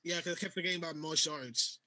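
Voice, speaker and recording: Bright-voiced, hesitant young man. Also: on the high side, fast, no echo. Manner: hesitant, stammering. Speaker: player. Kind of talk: casual game chat.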